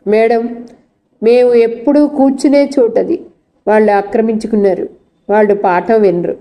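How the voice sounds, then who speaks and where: A woman's voice: fairly high pitch, fairly even intonation, normal speed, mellow, lightly acted. A woman voicing a male college student complaining to his teacher, in a storybook reading. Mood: aggrieved.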